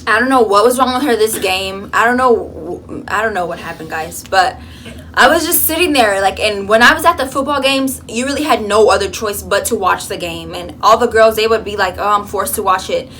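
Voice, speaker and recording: Bright-voiced young woman telling a story. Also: mid-range voice, normal speed, a little hiss or hum. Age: young adult. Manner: animated storytelling, lots of fillers. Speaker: vlogger. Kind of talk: casual chat. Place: college dorm room.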